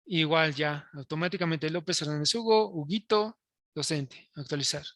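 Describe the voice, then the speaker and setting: A male programming teacher walks students through code, pausing often to ask if they follow. His voice is bright and forward, recorded close and dry with no room sound. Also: fairly high pitch, dry recording. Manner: explains step by step, checks in with students often. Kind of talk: live coding lesson to students.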